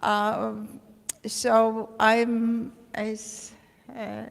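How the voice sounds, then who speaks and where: A woman presents her art practice at a symposium, unhurried and measured, pausing on ums. Her voice sits a little high with a gravelly edge. The sound carries the long ring of an echoey hall. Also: monotone. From Greece. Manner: measured, with frequent ums and uhs. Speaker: invited artist. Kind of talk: symposium talk.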